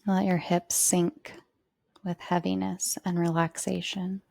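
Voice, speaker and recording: A woman guides a yoga relaxation in a low, flat, unhurried voice. Her tone has a gravelly edge, and she leaves long spaces between her soothing phrases. The recording is close and dry. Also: no echo. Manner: slow, soothing, spacious phrasing. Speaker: yoga teacher.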